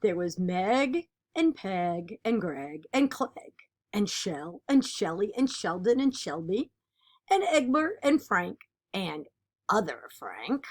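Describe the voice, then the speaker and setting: A woman with a mid-range voice performs an earnest, dutiful egg from a children's picture book, telling the story in an expressive, deliberate way.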